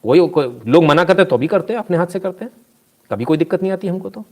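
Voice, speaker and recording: A man giving casual live commentary, reading out viewer comments and telling anecdotes in an animated, scolding manner. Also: high voice, fast talker.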